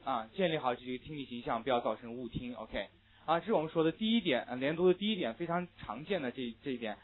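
A male English teacher gives a classroom lecture on linked sounds in listening tests, with "ah" fillers and slow repeat-after-me drills. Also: medium pitch, animated. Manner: explains rules with frequent "ah" fillers, then models words slowly. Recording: tinny phone-like audio.

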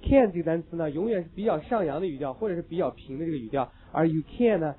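A man lecturing an English listening class at a rapid clip, stressing and repeating the key points with the odd wry joke. His voice sits a little high for a man. The recording is thin and tinny, like a phone line. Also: expressive. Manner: emphatic, repeats key points, joking asides.

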